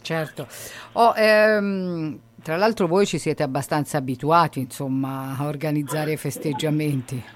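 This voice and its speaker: Lively woman radio host. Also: sits low, a little slow, slight background noise. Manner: lively questions with filler hesitations. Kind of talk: radio interview.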